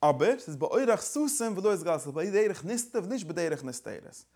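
A man's voice: high voice, sing-song, very fast, a little mellow, slightly rough. A man lecturing like a teacher, driving his explanation forward with repeated phrases and words from several languages.

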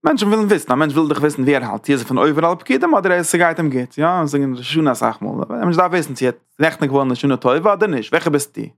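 Gravelly, animated male Torah teacher. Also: quick pace, few pauses. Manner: animated, with sudden leaps in pitch. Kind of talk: lively Torah class lecture.

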